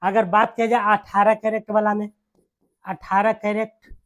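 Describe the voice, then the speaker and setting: An exam-prep teacher, speaking in a classroom style, repeating key words and asking quick check questions with tag phrases. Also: medium pitch, flat delivery, fairly bright tone.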